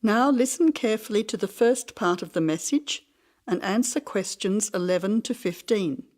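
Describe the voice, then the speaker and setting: A woman reading scripted test instructions as narrator, formal and neutral with clear enunciation. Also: mid-range voice, animated, normal speed, darkish tone.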